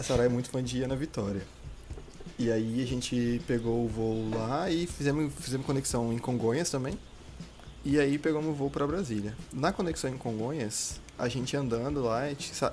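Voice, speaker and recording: A man co-hosting a podcast, telling a story in a relaxed, rambling way. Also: mid-range voice, moderate pace, noisy background. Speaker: podcast co-host. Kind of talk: casual storytelling chat.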